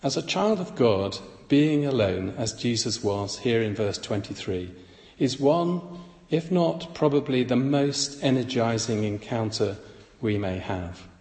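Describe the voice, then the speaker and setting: Slow, reflective man preaching in an echoey hall. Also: medium pitch, lively intonation, darkish tone. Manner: measured, reflective reading. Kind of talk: devotional Bible reflection.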